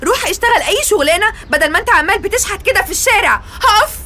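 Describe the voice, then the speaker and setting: An actress playing a sharp-tongued, indignant young woman in a radio comedy, with an Egyptian accent and a shrill, scolding delivery. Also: animated, racing, a little hiss or hum, heavily acted. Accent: Egyptian Arabic.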